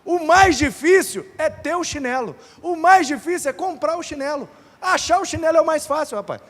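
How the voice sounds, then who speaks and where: A man voicing a stern mother scolding her whining son in quick, sharp bursts. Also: extremely high pitch, pitched above the performer's own voice. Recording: reverberant church hall.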